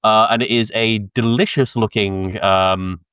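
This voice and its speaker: A man's voice: lowish voice, fairly even intonation, measured pace, fairly bright tone, clear, resonant tone, no echo, clean studio sound. Chatty British man telling travel stories. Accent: British English. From Britain. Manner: rambling storyteller, swears, laughs mid-sentence, many ums. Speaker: podcast co-host. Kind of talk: casual podcast chat. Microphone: close podcast mic, dry sound.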